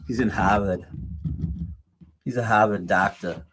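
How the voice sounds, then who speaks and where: Male speaker, husky and low-pitched, conversational sermon, off-the-cuff with quick self-corrections. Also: fairly bright tone. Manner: off-the-cuff, corrects himself mid-sentence. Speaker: speaker at a live church series. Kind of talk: conversational sermon with jokey asides.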